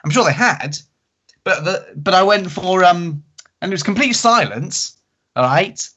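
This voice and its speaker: A man's voice: high-pitched, expressive, unhurried, sharp tone, slightly rough. A man telling a comic story as a podcast co-host, rambling and self-mocking and stumbling over restarts. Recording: dull lo-fi recording.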